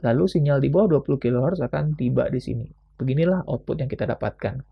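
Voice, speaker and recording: A man's voice: mid-range voice, gravelly, breathy edge, lo-fi sound. A young man from Indonesia giving a casual explanatory lesson as a student presenter, thinking aloud with frequent fillers.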